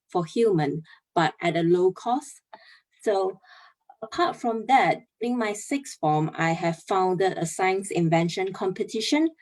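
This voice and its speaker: A woman's voice: lowish voice, darkish tone. A young woman from Malaysia, presenting earnestly over a video call and explaining step by step. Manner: earnest, explaining step by step with many pauses and fillers. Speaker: chemical engineer giving a talk.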